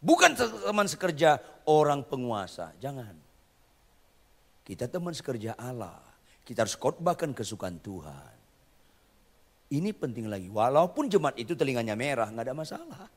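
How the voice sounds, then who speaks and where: A man preaching a lively sermon, quizzing his congregation and tossing in jokey asides, in a church hall. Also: mid-range voice, normal speed, long pauses. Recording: long reverb of a church hall.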